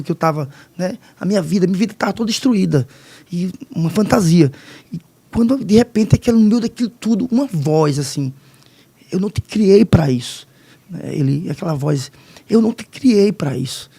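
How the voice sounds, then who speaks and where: A man tells his life story in a halting, heartfelt way, often breaking off and restarting. His voice sits fairly high for a man. It is gravelly and husky throughout. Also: a little mellow. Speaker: podcast guest. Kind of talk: personal testimony in casual conversation.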